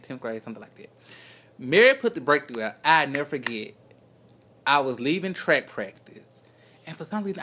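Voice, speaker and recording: A man's voice: mid-range voice, fairly bright tone. A man in his twenties co-hosting a podcast, telling emphatic, profane stories in casual chat about music. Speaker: podcast co-host.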